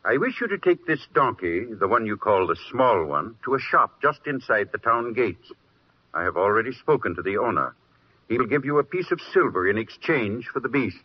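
Stern peasant father, husky, curt, commanding, old radio drama, dull lo-fi sound. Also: mid-range voice, very animated, moderate pace. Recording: muffled old radio recording.

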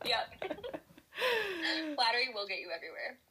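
Young female guest, bright and airy, lively storyteller who laughs a lot. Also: on the high side, normal speed, husky, rough recording. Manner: animated, laughing, acts out quotes. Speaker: podcast guest. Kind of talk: casual chat.

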